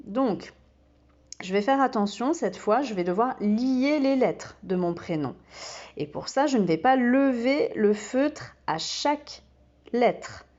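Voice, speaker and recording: A woman who teaches kindergarten, giving a slow and patient step-by-step demonstration full of small fillers. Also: fairly high pitch, animated, darkish tone, muffled recording.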